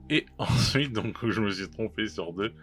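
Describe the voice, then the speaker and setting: Reviewing paint colors in a relaxed way, a male miniature painting YouTuber speaks with a fairly low, somewhat bright voice. His talk wanders with fillers, false starts, and self-deprecating laughter over his own mistakes.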